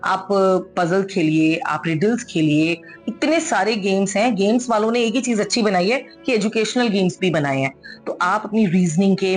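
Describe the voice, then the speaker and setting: A woman giving an earnest, coaxing motivational talk, mixing English phrases into her speech. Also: medium pitch. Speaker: motivational speaker.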